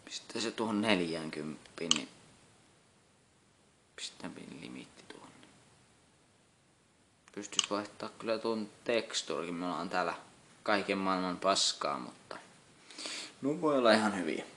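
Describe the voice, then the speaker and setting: A young man gives casual let's-play commentary, swearing freely and muttering in exasperation. His voice is low and gravelly, but it jumps around a lot in pitch. Loud noise sits behind the recording. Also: expressive, pauses often. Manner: frequent cursing, exasperated muttering. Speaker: gameplay commentator.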